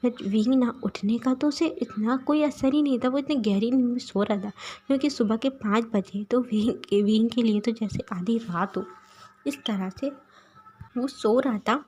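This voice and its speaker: A chatty woman retells a fan story in an easy, rambling way, stopping often for fillers. Her voice is fairly high, and a faint noise runs under the recording. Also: normal speed, dark tone. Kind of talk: casual story narration.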